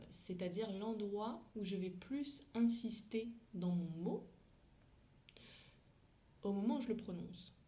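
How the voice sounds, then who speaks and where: A woman's voice: medium pitch, mellow. A woman English teacher talking casually in a podcast, chatty and frank, laughing often and using crude slang.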